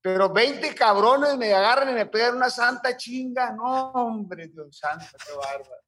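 A man's voice: very high voice, lively intonation, a little slow, fairly bright tone. A middle-aged man with a Mexican accent, telling his story as an interview guest in coarse slang, with many restarts.

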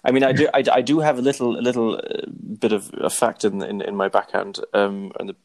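Low, creaky-voiced man chatting. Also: level tone, a little fast, darkish tone. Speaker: podcast co-host. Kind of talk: casual chat.

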